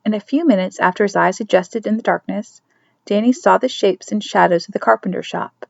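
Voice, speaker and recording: A woman narrating a chapter of a novel in a steady storytelling manner, dropping to soft whispers for a character's thoughts. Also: mid-range voice, brisk, creaky, no echo. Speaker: audiobook reader. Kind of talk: scripted narration. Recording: dry, dull lo-fi recording.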